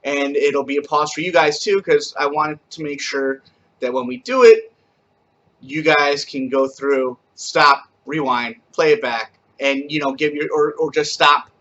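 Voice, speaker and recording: A man teaches a camp skit from home in a chatty, step-by-step way. His voice is bright and sits slightly high. He often breaks into loud, rising chanting. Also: muffled recording. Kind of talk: casual instructional video, chanting call-and-response.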